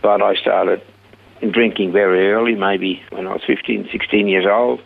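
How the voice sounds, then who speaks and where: Low gravelly husky older man. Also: fairly even intonation, narrow, tinny audio. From Switzerland. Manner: halting, restarts mid-sentence. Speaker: interview guest. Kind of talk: storytelling interview.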